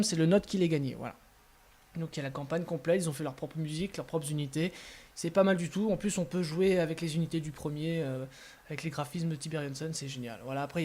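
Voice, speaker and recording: A man giving a casual walkthrough of gaming software, talking with enthusiasm and stumbling through frequent fillers and restarts. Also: a little high. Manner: hesitant, many filler sounds and restarts. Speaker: gaming video host.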